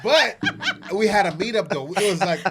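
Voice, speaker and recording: A man's voice: high voice, moderate pace, very noisy. A man, co-hosting a podcast and telling crude, rowdy stories in casual chat. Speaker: podcast co-host.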